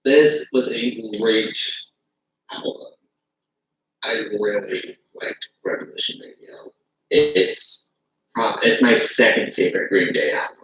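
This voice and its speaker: A man's voice: lowish voice, expressive, takes it slowly, fairly bright tone, slight background noise. A man in an old video, hesitantly listing his favorite songs with many fillers. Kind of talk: casual music review. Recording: echoey room.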